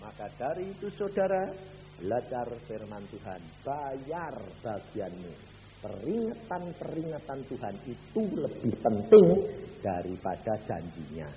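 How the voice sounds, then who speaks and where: Elderly preacher with dramatic swings. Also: male voice, fairly low pitch, sing-song, measured pace. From Central Java, Indonesia. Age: 80s. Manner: dramatic swings from loud peaks to hushed drops. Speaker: evangelist preacher. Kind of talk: sermon. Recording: echoey hall, dull lo-fi with hum.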